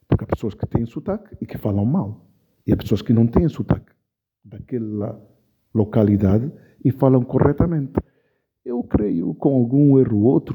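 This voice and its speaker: A dull, lo-fi recording carries a man's mellow, husky, medium-pitched voice. He is being interviewed and comments impassionedly, stressing his points by repeating key phrases.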